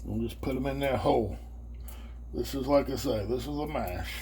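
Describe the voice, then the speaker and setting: Hosting a home cooking channel, this man walks viewers through a homemade dish in a relaxed, colloquial way, tossing out y'all and down-home sayings. His voice is mid-range and dark in tone, moving at a moderate pace, with a faint hum and background noise in the audio.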